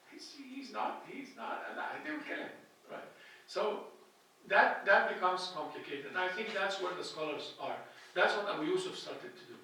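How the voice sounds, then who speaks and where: A man's voice: a little high, gravelly, bright, forceful tone, slight background noise. A middle-aged man from Egypt giving a classroom lecture at a lectern, earnest and thinking aloud with frequent restarts. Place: lecture hall with a projected slide. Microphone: handheld mic at a lectern, filmed from a distant camera. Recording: echoey hall from far off.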